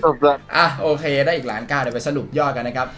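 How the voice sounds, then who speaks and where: A man doing excited gameplay commentary, yelping and shrieking at results and talking straight to his viewers. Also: mid-range voice, rapid-fire. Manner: addresses viewers directly. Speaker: mobile game YouTuber. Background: background music.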